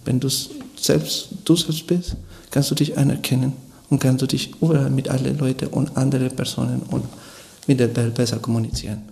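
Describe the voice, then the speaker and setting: Gravelly man. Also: medium pitch, flat delivery, fairly quick, darkish tone. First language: Spanish. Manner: hesitant, searching for words with restarts. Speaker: guest, Spanish course teacher. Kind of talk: interview on local radio.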